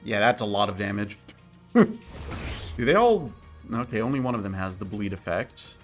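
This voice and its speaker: A man's voice: lowish voice, animated, normal speed, soft background music. A man co-hosting a gameplay stream, explaining how the game works in a light, joking way. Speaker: stream co-host. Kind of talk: casual gameplay chat.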